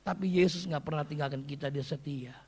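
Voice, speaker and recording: A pastor in his fifties preaching a sermon, telling stories with big swings between loud exhortation and low asides. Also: a little fast, slightly rough.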